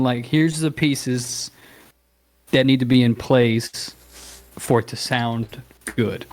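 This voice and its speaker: A man who is a guest musician, chatting casually and laid-back, laughing often and hedging his words. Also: mid-range voice. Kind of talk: casual interview chat.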